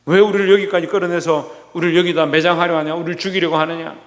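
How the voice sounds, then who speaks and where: A man's voice: fairly high pitch, little pitch movement, quick pace, echoey room, big-room sound, natural voice. A man voicing a bitter, complaining Israelite man fleeing slavery, who grumbles sarcastically. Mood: bitter sarcasm.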